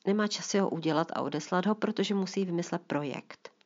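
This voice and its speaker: A woman's voice: lowish voice, dull audio. A woman author talking about her book and reading from it aloud, chatty and explaining. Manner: chatty, explaining, lively emphasis. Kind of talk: storytelling talk and reading aloud.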